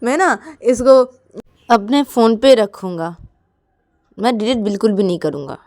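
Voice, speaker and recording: A woman's voice: a little high, unhurried, a little mellow, no echo, studio quality, voice pushed up. A woman voicing a cheeky young man who teases his friend in a told story. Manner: cheeky, teasing.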